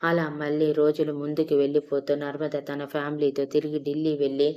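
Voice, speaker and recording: A woman narrating a romance story in a steady, even reading manner. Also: sits low, brisk, muffled recording.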